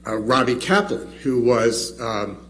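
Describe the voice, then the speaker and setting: A man's voice: mid-range voice, animated, a little slow. Emphatic male trial lawyer, faint hum. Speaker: trial attorney arguing a motion. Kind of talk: courtroom legal argument. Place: courtroom. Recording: faint hum and background noise.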